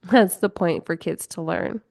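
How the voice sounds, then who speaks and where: A woman host chats on her solo podcast at an unhurried, drawn-out pace. She rambles, swears freely and fills gaps with "like" and "you know". The sound is dry and close, with no room echo. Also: fairly low pitch, creaky, darkish tone. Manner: rambling, swears, laughs often, many fillers. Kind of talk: casual solo podcast chat.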